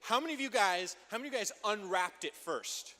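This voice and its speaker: A man preaching a youth group sermon as youth pastor, playful and energetic, joking with the teens before turning earnest. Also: high voice, a little fast. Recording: long hall reverb.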